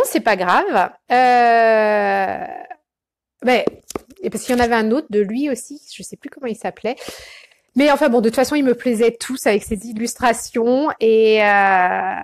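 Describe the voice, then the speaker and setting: A woman's voice: a little high, unhurried, pauses often, no room sound. A woman coach chatting casually in a live video, hesitant and full of fillers and restarts, greeting viewers by name. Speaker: life coach.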